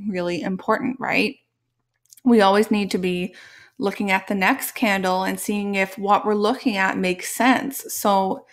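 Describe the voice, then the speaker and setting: A woman hosting a casual trading tutorial with a slightly congested, sore-throat voice, often checking in with okay and right. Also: mid-range voice. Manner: frequent check-in tags like okay, all right, right. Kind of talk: casual tutorial explanation over live charts.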